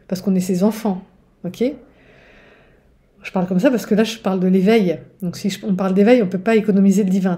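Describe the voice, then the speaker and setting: This woman's voice is warm and mid-range as she teaches informally as a spiritual relationship coach. She wanders off on tangents, restarts herself, and keeps checking in with the people listening.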